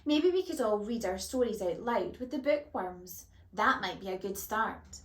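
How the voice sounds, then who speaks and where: A woman's voice: medium pitch, lively intonation, normal speed, lightly acted. A woman voicing a friendly young grim reaper boy who chats eagerly in a storybook reading. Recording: roomy echo.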